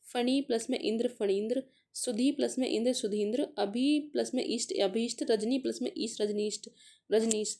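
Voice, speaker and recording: A woman teaching a casual grammar lesson for exam preparation, working through paper questions and sounding out letters and words slowly to explain them. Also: a little high, warm tone. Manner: mixes English words into explanations.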